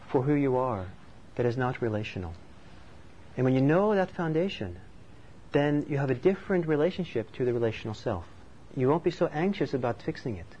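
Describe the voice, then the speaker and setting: Husky and a little mellow at a medium pitch, a man from Norway gives a thoughtful, conversational dharma talk as a meditation teacher. The recording is slightly dull, with some faint background noise.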